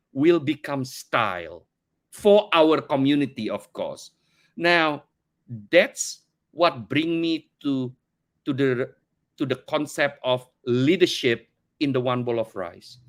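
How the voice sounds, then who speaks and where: A man's voice: on the high side, a bit bright. A middle-aged man from Indonesia, English as a second language, earnestly telling his story in an interview, often repeating words as he searches for phrasing. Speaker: company CEO, podcast guest. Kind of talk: conversational interview.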